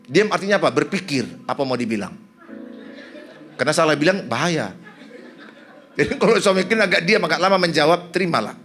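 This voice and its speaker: A man's voice: on the high side, lively intonation, brisk, pauses often, fairly bright tone, faint music behind. A man from Indonesia, a pastor, preaching a sermon and joking with the congregation.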